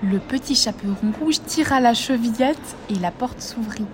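A woman reading a fairy tale aloud in a measured, expressive storytelling voice. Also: on the high side, noisy background.

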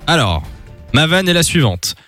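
A man's voice: fairly high pitch, sing-song, normal speed, sharp tone, no echo, soft background music. A man hosting a morning radio show, joking and laughing often, with frequent hesitations. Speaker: radio host.

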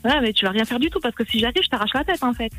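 A woman's voice: on the high side, animated, rapid-fire, a bit bright, soft background music. An angry woman calling in, threatening and aggressive, full of slang. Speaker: caller. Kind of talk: angry phone call.

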